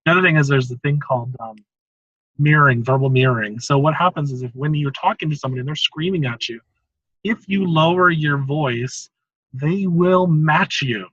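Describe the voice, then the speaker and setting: Host type: a husky, higher-pitched man explaining techniques, close and dry on a dull lo-fi recording. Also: normal speed, fairly bright tone, no echo. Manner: explanatory, chuckles often between points. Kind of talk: casual interview chat, explaining techniques.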